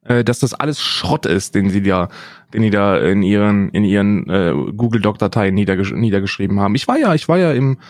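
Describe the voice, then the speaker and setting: A man's voice: on the low side, animated, darkish tone, no echo, clean studio sound. A man co-hosting a podcast, chatting casually in a joking, rambling way. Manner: joking, rambling, quick to exaggerate. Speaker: podcast co-host. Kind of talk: casual chat.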